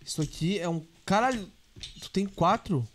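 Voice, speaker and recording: A man's voice: high voice, expressive, moderate pace, a little hiss or hum. A man, hosting a podcast in a playful, chatty way and scolding a child now and then. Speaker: podcast host. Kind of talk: casual chat.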